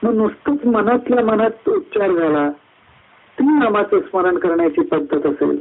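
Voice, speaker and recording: A man giving a devotional discourse at a satsang, climbing high through lists of words and slowing down on key phrases. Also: expressive. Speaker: satsang speaker. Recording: tinny phone-like line.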